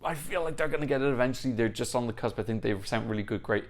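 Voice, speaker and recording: Gushing and enthusiastic, a young Eurovision reaction host offers casual analysis of songs in a chatty way. He speaks quickly at a medium pitch.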